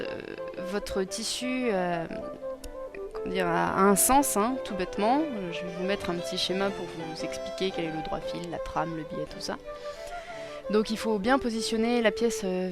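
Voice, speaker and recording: A young woman casually explaining a costume sewing project, hesitant and self-deprecating with many pauses and fillers. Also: medium pitch. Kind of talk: casual tutorial narration. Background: music.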